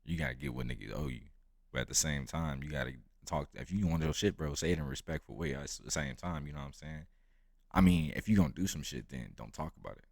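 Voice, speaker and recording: A man's voice: a bass voice, fast, creaky, a little mellow, dry recording, studio quality. A man giving casual, blunt and profane reaction commentary on a video, full of slang.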